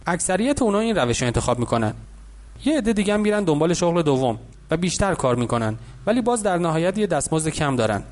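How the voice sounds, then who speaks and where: A man voicing a wealthy older businessman who calmly lectures a boy in an audiobook. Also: a little high. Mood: lecturing. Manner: patient, instructive.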